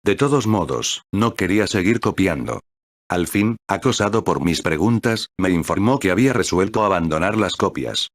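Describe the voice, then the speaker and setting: Deep-voiced male story narrator. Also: dry recording. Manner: measured, steady reading.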